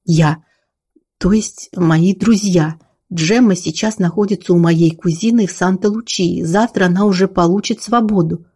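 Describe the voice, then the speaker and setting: A woman voicing Marco, an impulsive young male Italian opera tenor who talks in a hurried, pleading way. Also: lowish voice, mellow, husky.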